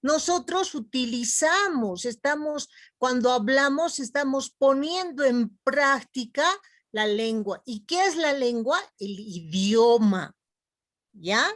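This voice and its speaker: A woman teaching a class, explaining slowly and warmly addressing her students as young ones. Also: high-pitched, lively intonation, dry recording, studio quality. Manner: slow, explanatory, calls students "jovencitos". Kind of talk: online class lecture.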